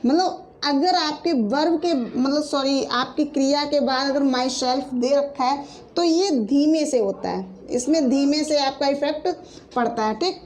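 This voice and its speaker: High-voiced woman teaching grammar. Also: darkish tone. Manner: explains slowly, repeats with frequent fillers and self-corrections. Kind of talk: grammar lesson.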